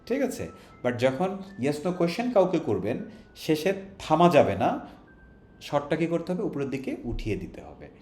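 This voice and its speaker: A man with a Bangladeshi accent teaches an online English lesson, his slightly high voice swinging up and down as he poses questions and answers them. He demonstrates rising intonation on sample questions. The sound is roomy and echoey, with faint music beneath. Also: very animated, unhurried, darkish tone. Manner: asks rhetorical questions and answers them himself.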